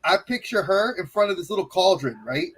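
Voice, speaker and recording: A man's voice: sits high, brisk, breathy edge. A man co-hosting a podcast, chatting animatedly and enthusiastically with a casual, slangy manner. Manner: animated, enthusiastic, uses "bro" and "dude". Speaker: podcast co-host.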